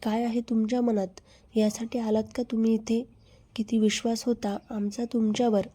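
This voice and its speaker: A frightened young wife, read by a woman in a story, pleading and tearful. Her voice is mellow and dark, with a flat, narrow melody. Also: on the high side, moderate pace, lightly acted.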